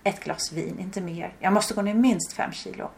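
A woman's voice: medium pitch, creaky, close to an everyday voice. A woman voicing a chatty, self-deprecating female shop customer.

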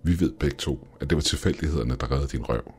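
A man voicing a quiet, unreadable man with a cane who seems to know everything, speaking evenly. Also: a bass voice. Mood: calm, knowing. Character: calm, all-knowing man with a cane.

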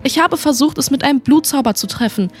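A woman reading an audiobook story voices a young blood mage who is exhausted, calling out urgently in a slightly raised, higher voice. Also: fast, faint music behind, natural voice.

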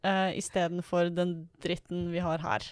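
A young woman in a joking casual chat, deadpan and mock-serious, with many fillers. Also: fairly low pitch, clear, resonant tone, dry recording, clean studio sound.

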